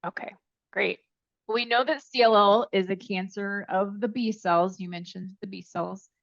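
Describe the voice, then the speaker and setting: A woman's voice: medium pitch, fairly even intonation, moderate pace, creaky, no echo. A woman hosting an interview, introducing the guest and asking prepared questions in a polite, upbeat manner. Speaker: interview host. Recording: dry, dull lo-fi audio.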